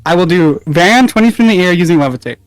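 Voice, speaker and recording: High-voiced man thinking aloud at the table. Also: expressive. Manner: thinks aloud, halting, laughs often. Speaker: player. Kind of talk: casual tabletop play.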